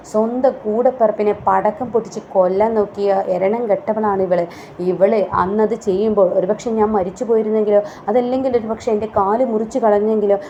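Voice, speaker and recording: A woman's voice: medium pitch, dark tone, highs cut off, a little hiss or hum, lightly acted. A woman voicing a boastful young man who scorns his sister, as part of a chatty serial recap. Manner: scornful, gloating.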